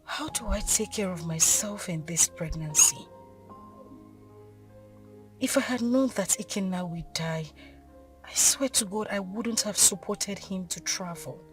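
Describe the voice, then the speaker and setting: An actress playing a distressed, cornered young pregnant woman with a Nigerian accent, pleading haltingly in a film drama. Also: mid-range voice, music in the background, lightly acted. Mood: despairing. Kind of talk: Nollywood film acting.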